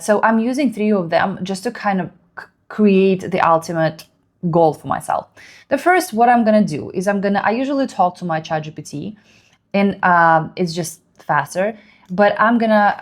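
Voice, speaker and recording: A productivity vlogger with a fairly low voice, whose first language is Russian, walks through a screen-share tutorial. She speaks haltingly and thinks aloud as she types, using many fillers.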